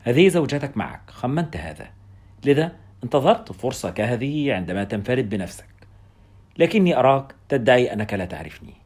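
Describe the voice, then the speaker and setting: A gentle, coaxing young woman, as a male narrator puts her on presses her claim in a soft, reproachful voice. The read has a husky grain and moves briskly with a lively, rising melody. It sits inside an audiobook-style storytelling. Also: medium pitch. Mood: hurt. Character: young African woman, soft-spoken, insistent lover. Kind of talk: audiobook character reading.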